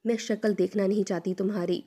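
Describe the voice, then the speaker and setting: A woman voicing a harsh, spiteful middle-aged aunt who scolds and accuses in shrill tirades within a dramatized story reading. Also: fairly even intonation, dark tone, slightly rough, natural voice. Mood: scolding.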